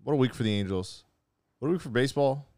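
A young man hosting a casual sports podcast, talking fast with joking, profane banter. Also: mid-range voice, expressive, a little mellow, no echo, studio quality. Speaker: podcast host.

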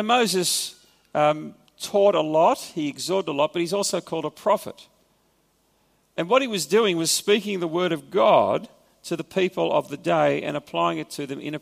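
A pastor with an Australian accent gives a sermon in a church hall, explaining scripture conversationally with wry asides. His voice is a little high and creaky, and the recording has a big-room sound.

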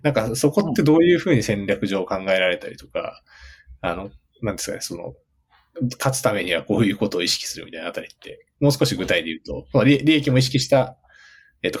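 Low-voiced, quick-talking male interviewer. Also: animated, husky. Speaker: interviewer, host. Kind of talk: conversational business interview.

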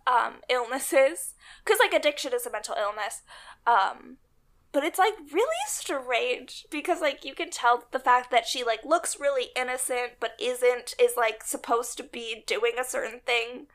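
A woman's voice: fairly high pitch, measured pace, fairly bright tone. A woman co-hosting a podcast, chatting casually and leaning on "like" a lot. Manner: chatty, heavy use of "like". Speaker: podcast co-host. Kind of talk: casual chat.

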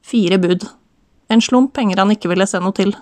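Woman audiobook narrator, steady even storytelling, very dry studio sound. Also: medium pitch, dry recording. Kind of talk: scripted narration.

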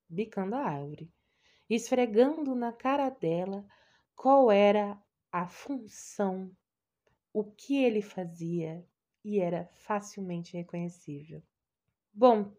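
A young woman reading a short story aloud in a slow, dramatic way, sometimes dropping to a soft whisper. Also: mid-range voice.

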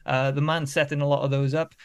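A man's voice: a little high, flat delivery, fast talker, clear, resonant tone. A man hosting a sports podcast and interviewing in a conversational style. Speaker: podcast host.

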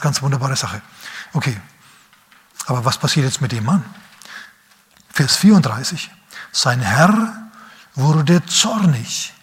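A male pastor preaching a sermon, speaking emphatically and throwing rhetorical questions at the listener, swinging between urgent raised phrases and quiet low asides.

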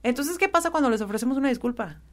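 A woman hosting a casual conversation, animated when telling stories. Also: high-pitched, very fast.

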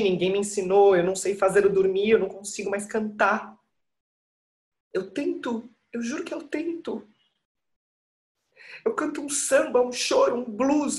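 A woman performing a monologue as an exhausted new mother, speaking in weary, halting, intimate phrases. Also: fairly low pitch. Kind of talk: theatrical monologue.

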